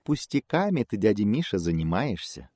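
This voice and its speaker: A man's voice: fairly low pitch, big pitch swings, moderate pace, warm tone, dry recording, clean studio sound. A man voicing a sly female fox in a fairy tale, coaxing and giggly.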